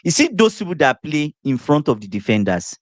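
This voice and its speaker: A man's voice: on the high side, sing-song, brisk, no echo. A man co-hosting a casual football podcast, explaining points insistently and repeating key phrases. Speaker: podcast co-host.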